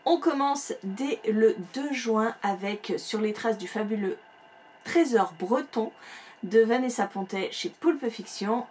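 A woman's voice: a little high, slow, a little mellow, slight background noise. A woman book vlogger chatting casually and enthusiastically at home, using plenty of fillers as she goes. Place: home room with bookshelves.

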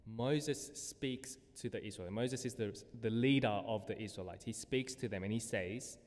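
A man's voice: fairly low pitch, normal speed, a little mellow. Man preaching in a reverberant church. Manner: conversational preaching with fillers, reads scripture aloud with rising emphasis. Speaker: pastor. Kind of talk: sermon. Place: church hall. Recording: long hall reverb.

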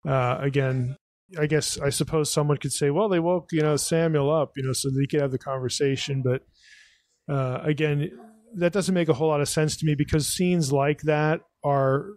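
A man's voice: a little high, fairly even intonation, moderate pace, a little mellow, no room sound. A podcast host answering an audience question at a live event. He thinks aloud, often restarts, and keeps saying "again" and "you know".

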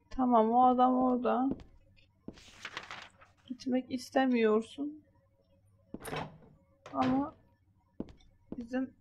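A woman's voice: high-pitched, a little mellow, slight background noise. A woman commenting on her own horror game playthrough, muttering, getting frustrated and scolding the game as she searches. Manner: frustrated, talks to herself and the game. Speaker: gameplay commentator. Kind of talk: let's play commentary. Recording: game music playing behind. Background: game music.

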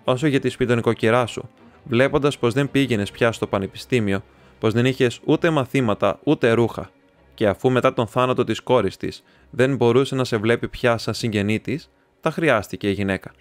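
A man reading the part of a talkative, excitable young male student who rambles, chats and teases his friend. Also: mid-range voice, soft background music, close to an everyday voice. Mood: chatty. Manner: rambling, chatty, teasing.

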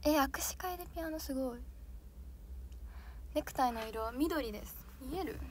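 A woman's voice: sits high, normal speed, slight background noise. A young woman, an idol trainee, chatting casually and bubbly with viewers on a livestream, laughing often. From Japan.

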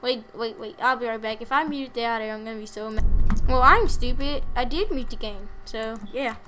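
A young woman giving casual, self-mocking commentary over her gameplay, chatty with sudden loud bursts of excitement. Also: fairly high pitch, a little fast, background noise.

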